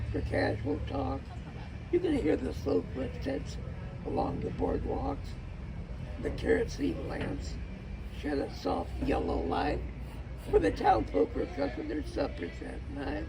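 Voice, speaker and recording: A man with a folksy cowboy drawl, reciting rhyming cowboy poetry like a storyteller in a gravelly voice. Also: very high-pitched, very noisy.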